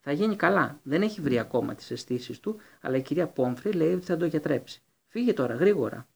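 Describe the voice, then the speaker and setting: A man's voice: a little high, animated, creaky, darkish tone. Harry Potter, a man voicing an urgent teenage wizard. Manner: urgent, breathless commands. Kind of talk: audiobook reading.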